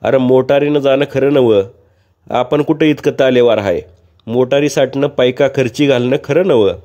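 A man voicing a frail, humble old male pilgrim who speaks in soft rustic village speech. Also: mid-range voice, moderate pace, lightly acted. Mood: pleading. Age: older.

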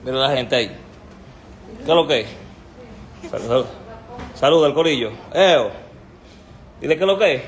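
A Dominican man hosting a live stream with his baby son, teasing and laughing, at times breaking into high squeals. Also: lively intonation, measured pace, pauses often. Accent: Dominican Spanish. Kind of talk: playful live-stream chat.

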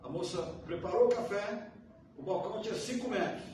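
A man with a Brazilian Portuguese accent, a pastor telling a story in a sermon, swinging between loud emphasis and soft, low passages. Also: fairly quick. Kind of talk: sermon with anecdote. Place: church sanctuary. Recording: echoey church from far off, faint noise.

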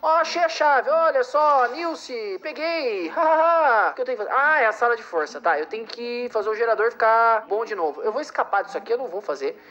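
A man's voice: very high-pitched, lively intonation, fairly quick, hardly any pauses, bright, forceful tone, lo-fi sound. A man doing comedic gameplay commentary, ranting and mocking the ads that keep interrupting him. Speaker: game streamer.

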